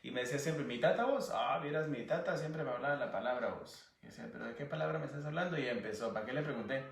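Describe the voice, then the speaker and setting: A man from Guatemala with a Guatemalan Spanish accent, giving an earnest personal testimony as an interview guest, sometimes pausing to search for words. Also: mid-range voice, creaky, reverberant, recorded from a distance. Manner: earnest, searching for words, animated when recounting.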